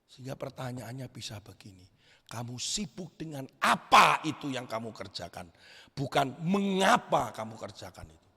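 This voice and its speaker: A male pastor gives a lively youth sermon, swinging from shouts to quiet asides. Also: mid-range voice, normal speed, creaky, breathy edge. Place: church hall. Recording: echoey church hall.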